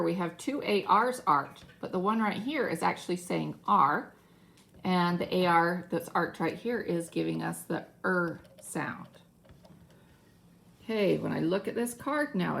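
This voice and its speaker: A woman teacher giving a phonics lesson to young children, animated and full of mock surprise. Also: lowish voice, gravelly.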